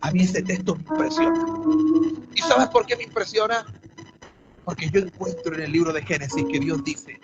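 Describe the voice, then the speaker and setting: A man preaching a sermon as a bishop, moving between quiet storytelling and shouted, fervent preaching. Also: high voice, normal speed, pauses often. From Colombia. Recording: dull, muffled sound with loud music underneath.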